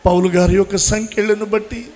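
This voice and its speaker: A man with a notably high voice leads his congregation in an emotional sermon and prayer. He pleads in repeated phrases, swelling in force and then sinking low and quiet. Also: little pitch movement, brisk. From Andhra Pradesh, India. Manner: pleading, repetitive, rising and falling in intensity. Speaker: pastor.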